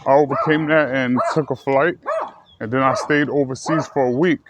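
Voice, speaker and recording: A man's voice: medium pitch, steady tone, normal speed. A man from the United States talking casually and earnestly to his viewers, rambling and correcting himself as he goes. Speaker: vlogger. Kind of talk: casual personal talk to camera. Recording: slightly dull lo-fi recording with faint ambient noise.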